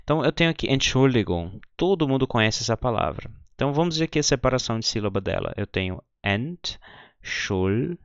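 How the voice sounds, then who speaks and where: A man teaching German pronunciation, patiently spelling out syllables and saying example words slowly. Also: mid-range voice, expressive, smooth, dry recording, highs cut off. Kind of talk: explaining pronunciation lesson.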